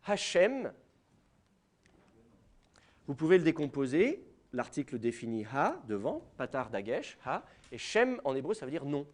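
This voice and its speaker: A man's voice: medium pitch, sing-song, moderate pace. A man with a French accent giving a university lecture, explaining to students directly, with many fillers. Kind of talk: classroom lecture.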